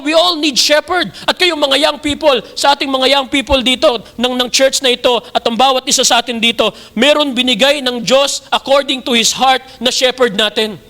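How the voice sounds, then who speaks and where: A young Filipino pastor preaches with a very high, bright voice and a gravelly edge. He builds his sermon in rising, emphatic bursts and then drops back to a quieter tone.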